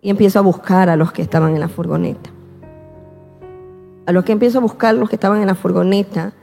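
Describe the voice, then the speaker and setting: A woman telling her personal testimony slowly and with emotion, often repeating herself and quoting her prayers. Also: mid-range voice, steady tone, creaky, dark tone, big-room sound, faint music behind.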